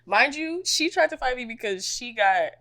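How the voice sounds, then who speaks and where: A young woman co-hosting a casual podcast, with a slightly high voice that rises and falls a lot. She tells stories with real energy. She laughs often and acts out the people in them. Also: lively intonation, moderate pace, bright, forceful tone. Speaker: podcast co-host. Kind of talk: casual storytelling chat.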